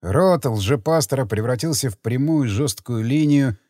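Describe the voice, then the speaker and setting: A man narrating a thriller audiobook in the first person, with expressive, tense storytelling. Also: medium pitch, a little slow, dry recording, clean studio sound.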